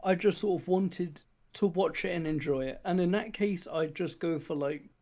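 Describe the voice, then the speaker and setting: A man's voice: high-pitched, moderate pace, darkish tone. A man talking on a podcast in a laid-back way, trailing off into hedges. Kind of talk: casual podcast discussion.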